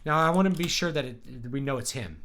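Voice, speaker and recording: A man's voice: on the high side, fast, fairly bright tone, slight background noise. A man giving a casual live-stream writing lesson, thinking aloud and stating his opinions plainly.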